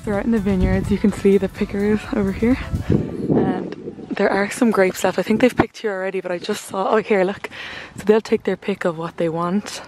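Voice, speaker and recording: A woman's voice: medium pitch, fairly even intonation, moderate pace, music in the background, rough recording. A woman narrating a travel vlog in a chatty, gushing way, full of "like" fillers. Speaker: travel vlogger. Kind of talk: casual vlog narration to camera.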